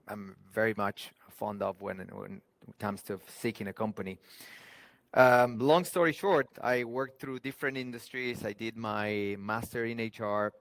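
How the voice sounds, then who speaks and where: Low-voiced man, reflective. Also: a bit bright, no room sound. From Argentina. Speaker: podcast guest, HR professional. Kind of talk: conversational interview.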